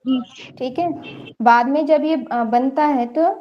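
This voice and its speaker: A woman's voice: high-pitched, slow, dull audio. A young woman teaching an online yoga theory class, explaining step by step and checking in often with her students. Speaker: yoga lecturer.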